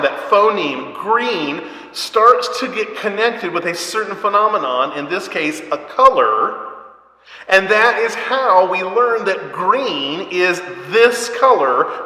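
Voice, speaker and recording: In a church hall, a man teaches a Bible study class with a sharp, high-sitting voice. He explains things step by step, often checking in with "right?" and "okay?". The hall is echoey with long reverb.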